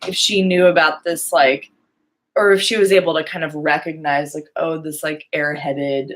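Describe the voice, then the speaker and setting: A woman's voice: low voice, steady tone, moderate pace, rough recording. A woman co-hosting a podcast, chatting about music with enthusiasm and lots of "like"s. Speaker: podcast co-host. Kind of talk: casual conversation about music.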